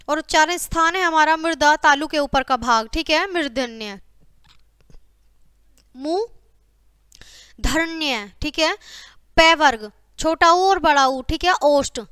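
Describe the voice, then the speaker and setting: Bright high-voiced woman teacher. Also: no room sound, studio quality. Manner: repeats "ठीक है" and addresses "बच्चों" constantly; lists example words one by one. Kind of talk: classroom grammar lecture.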